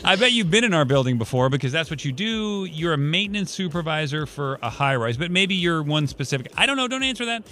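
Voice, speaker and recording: A male morning radio host with a bright, forceful voice that sits a little high. He banters quickly and jokes around. A faint hiss runs under the voice. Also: lively intonation. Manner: joking, fast-talking.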